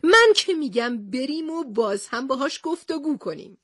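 A woman's voice: high-pitched, animated, fairly bright tone, no echo, studio quality, pitched above the performer's own voice. A woman voicing an easily confused older male professor in a storybook reading, sounding bewildered and hesitant. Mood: mild.

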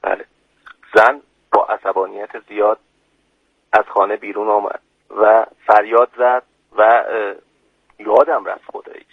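Male caller, husky, tinny phone line, hesitant, short answers. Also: fairly low pitch, flat delivery, pauses often, no echo. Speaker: quiz contestant calling in. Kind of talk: phone-in chat.

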